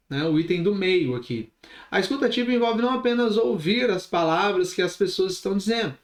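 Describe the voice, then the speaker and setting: A man's voice: high voice, roomy sound. A man with a Brazilian Portuguese accent teaching a recorded online class, talking expressively and gesturing as he explains. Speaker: instructor.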